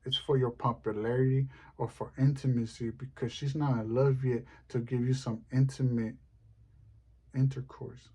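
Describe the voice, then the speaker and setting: Mellow-voiced man doing deadpan stand-up. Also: medium pitch, normal speed, slightly rough. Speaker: stand-up comedian. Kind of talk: stand-up comedy monologue.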